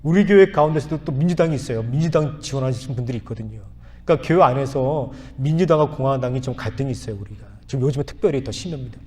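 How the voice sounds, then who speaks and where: A man's voice: mid-range voice, fast talker. Man in his fifties preaching in a reverberant church. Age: 50s. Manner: storytelling with soft asides and earnest appeals. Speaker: pastor. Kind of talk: sermon. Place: church sanctuary.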